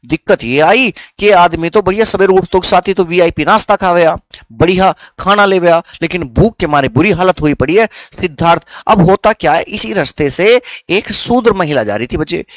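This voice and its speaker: A man's voice: sits high, moderate pace, dry recording. A young man with a Haryanvi accent teaching history as a story, often repeating questions back to his students.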